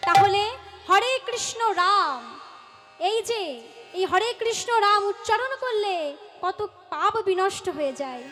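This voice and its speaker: A young woman from West Bengal giving a devotional kirtan discourse, reciting Sanskrit verses in a slow, measured preaching manner. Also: extremely high pitch, lively intonation, a bit bright, faint music behind. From West Bengal, India. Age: teenager. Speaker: kirtan singer.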